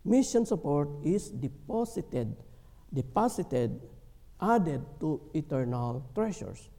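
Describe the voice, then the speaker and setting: Slow, gravelly man preaching in a hall. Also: on the high side, big pitch swings, dark tone. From Philippines. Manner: slow, earnest preaching, acting out prayers in a pleading voice. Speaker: pastor. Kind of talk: sermon. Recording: long hall reverb.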